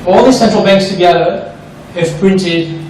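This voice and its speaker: A high-voiced, unhurried Frenchman gives an animated investment seminar to an audience in a large echoing room, frequently asking questions and checking in with "right?". The recording comes from far off and has slight background noise.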